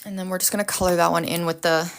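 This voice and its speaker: A woman's voice: on the low side, little pitch movement, rapid-fire, fairly bright tone. A woman hosting a casual planner livestream, chatty and upbeat, reacting to viewers' comments while she decorates.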